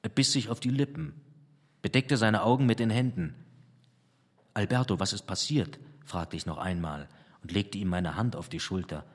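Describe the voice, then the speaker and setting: A man with a husky voice reading a literary memoir aloud in a measured, reflective storytelling manner. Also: on the low side, fairly even intonation. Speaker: narrator. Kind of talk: audiobook narration. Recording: long hall reverb.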